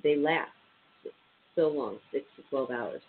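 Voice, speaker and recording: On a casual radio show, a man with a stuffy, nasal, mid-range voice reads statistics aloud slowly, with lively intonation and plenty of ums and uhs. The sound is tinny like a phone line, with faint hiss.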